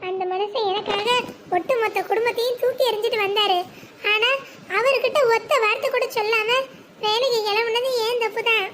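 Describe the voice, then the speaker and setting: A remorseful young wife in an animated family drama, voiced by a woman. Her voice sits very high and thin. She pleads and apologizes in long earnest appeals. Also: normal speed, a crowd in the background.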